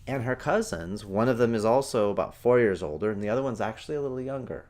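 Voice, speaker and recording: Animated man hosting a parenting show. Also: medium pitch, fast talker. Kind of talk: energetic parenting advice talk.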